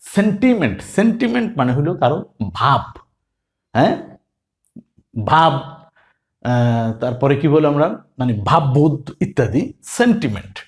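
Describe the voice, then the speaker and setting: Lively man teaching a spelling lesson. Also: on the high side, normal speed, long pauses. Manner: spells words letter by letter, asks and answers his own questions. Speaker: English teacher.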